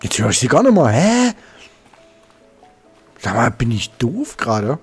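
A man's voice: mid-range voice, huge pitch swings, a little slow, husky, soft background music. A man commenting on his gameplay, exasperated and swearing, talking to his viewers. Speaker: let's play host.

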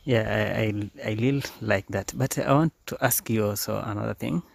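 Young man, gravelly voice, dry close sound, interviewer, outdoor garden. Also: lowish voice, moderate pace, no room sound. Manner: introduces and asks questions with frequent uh fillers. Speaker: interviewer, channel host. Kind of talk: casual interview. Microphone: handheld phone.

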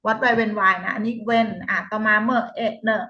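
A woman's voice: fairly high pitch, fairly even intonation, moderate pace, pushed and bright. A woman tutor patiently sounding out short English words one by one in a phonics lesson, with polite particles. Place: home tutoring room. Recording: dull lo-fi recording.

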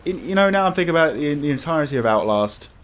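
A man's voice: fairly high pitch, lively intonation, racing, slight background noise. A man giving casual let's play commentary as a scared, jumpy horror game streamer who exclaims and swears. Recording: music behind the voice.

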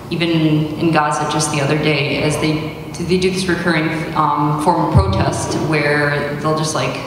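A woman's voice: low-pitched, background noise. A young woman at an open mic, speaking hesitantly with many fillers before reading a poem at a podium. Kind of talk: spoken word poetry reading. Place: large indoor hall, at a podium. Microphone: stand mic at podium, recorded by far camera. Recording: echoey hall recorded from far off.

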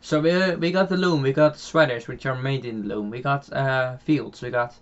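A man's voice: mid-range voice, moderate pace, dull audio. A young man with a Dutch accent giving casual, rambling gameplay commentary at home, full of fillers and restarts. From Netherlands. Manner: rambling, many fillers and restarts, chuckles often. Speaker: gaming channel host. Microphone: home microphone.

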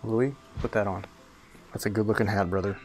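A man's voice: lowish voice, fairly even intonation, brisk, darkish tone, low-quality recording. A man hosting a let's play, giving casual gameplay commentary in a laid-back, slangy way. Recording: game music faintly behind the voice.

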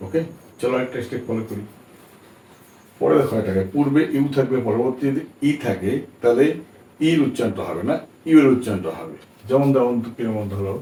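A Bengali-speaking instructor patiently spells out letters in a spoken English pronunciation class, regularly asking whether his students follow. He has a warm, medium-pitched voice. The sound is echoey, recorded far from the mic with a faint background hiss.

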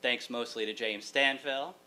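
A middle-aged college writing teacher stands at a lecture hall podium for a prepared keynote address, wry and articulate, slipping in jokes. His mid-range voice keeps a fairly even intonation at a measured pace. The audio, taken by a distant camera, carries hum and room noise.

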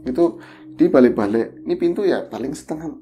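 A man, a podcast host casually retelling a horror story in a vivid, animated way. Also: a little high, brisk, a crowd in the background.

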